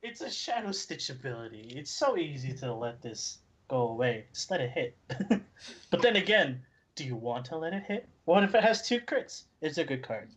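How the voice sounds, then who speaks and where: A man's voice: on the high side, very animated, normal speed, a bit bright, dull audio. A man in a casual group podcast who laughs through his lines and repeats a catchphrase.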